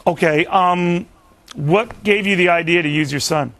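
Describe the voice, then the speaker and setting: A man works as a television interview host, speaking in a fairly high male register with a gravelly creak. He talks conversationally, often doubling back and repeating words as he frames his questions. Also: fairly bright tone. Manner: halting, backtracks and repeats words.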